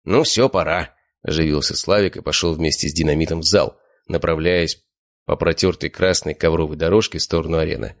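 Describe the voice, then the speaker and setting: A man narrating first-person fiction for an audiobook in a steady, measured way. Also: a bass voice, gravelly.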